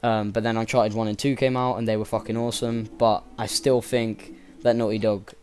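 A young man talks over a game in a loose, rambling commentary. His voice sits a little low, and his excitement comes through in frequent swearing and gushing praise. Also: fairly quick. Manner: rambling and enthusiastic, swears freely. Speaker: let's play gamer. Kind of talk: casual gameplay commentary.

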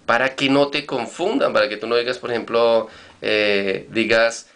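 A man's voice: medium pitch, normal speed, fairly bright tone. A man teaching Hebrew vocabulary in a recorded lesson, patiently repeating and spelling out words.

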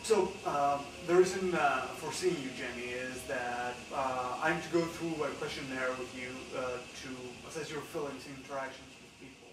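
A man's voice: medium pitch, recorded from a distance. Hesitant man reading out a questionnaire. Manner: halting, many uh fillers. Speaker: study participant interviewer. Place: VR cave room. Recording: echoey room, heard from afar, noisy.

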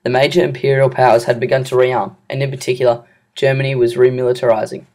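A young man reads a school project script in a gravelly, creaky voice at a middle pitch. His delivery is earnest and steady, plainly reading from a script. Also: fast. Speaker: student narrator.

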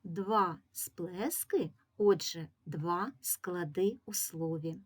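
A woman teacher giving a reading lesson to young children, patiently sounding out words syllable by syllable. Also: lowish voice. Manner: slow, patient, drawing out syllables. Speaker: primary school teacher.

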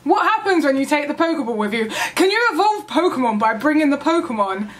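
Excitable woman vlogger, high and very animated, gushing reaction. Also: brisk. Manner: excitable, gushing, squeals and gasps. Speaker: gaming vlogger. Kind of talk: live trailer reaction.

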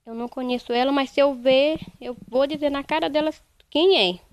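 A young woman, giving a halting, repetitive first-person account in a news interview. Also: high-pitched, a little hiss or hum. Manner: halting, repetitive retelling, quoting others. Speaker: interviewee, bereaved mother.

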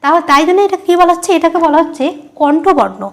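A woman teaches a grammar lesson at a board in a high voice. She keeps asking her students questions and then answering them herself, repeating each key term so it sticks. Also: fast.

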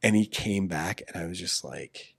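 A man's voice: sits low, moderate pace, gravelly, husky, dry recording. A man in his thirties co-hosting a podcast, telling a family story in casual chat and acting out what people said. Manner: animated storyteller, acts out quotes. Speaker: podcast co-host.

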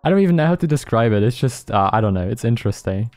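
A man's voice: medium pitch, lively intonation, fast talker, a little mellow, dry recording, faint music behind. A man giving casual gameplay commentary as a gaming YouTuber, often laughing, apologizing and joking at his own expense. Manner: laughing, apologetic, self-mocking.

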